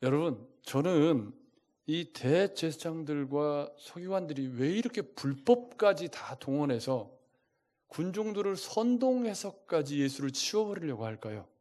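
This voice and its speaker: Questioning male pastor, rising pitch. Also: measured pace. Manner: asks the congregation many rhetorical questions; lively, shifting loudness for emphasis. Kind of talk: sermon.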